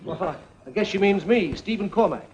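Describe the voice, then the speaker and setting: An actor playing a genial, gallant husband trading screwball comedy banter in a 1930s film, with old soundtrack sound. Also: male voice, high-pitched, animated, normal speed, heavy background noise.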